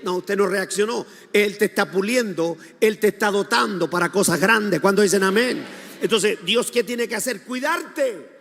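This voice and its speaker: An older pastor preaches with a high, gravelly voice. He calls the congregation to answer him and swings from shouts to quiet asides. His voice rings through a reverberant church hall. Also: moderate pace. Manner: dramatic, shifting between shouts and soft asides. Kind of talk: sermon.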